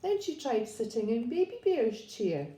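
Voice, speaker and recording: A woman reading a children's story aloud in a gentle, expressive storybook manner. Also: fairly high pitch, moderate pace. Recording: echoey room.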